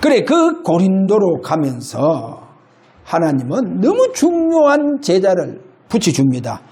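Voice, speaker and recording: A male pastor preaching an impassioned sermon in a church, shifting between loud and low. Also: huge pitch swings, unhurried. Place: church sanctuary.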